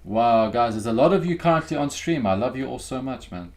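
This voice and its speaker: A man's voice: mid-range voice, animated, fairly quick, a little mellow. A young man from Africa, hosting a live trading stream in an upbeat, chatty way and talking straight to his viewers. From South Africa. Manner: upbeat and chatty, talks straight to viewers, calls them guys and bro. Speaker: livestream trading host. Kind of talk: casual live-stream chat.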